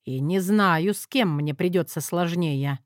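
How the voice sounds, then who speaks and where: A woman with a lowish voice reads a first-person audiobook in a measured, wry way. The recording is dry and close. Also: no room sound. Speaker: audiobook narrator.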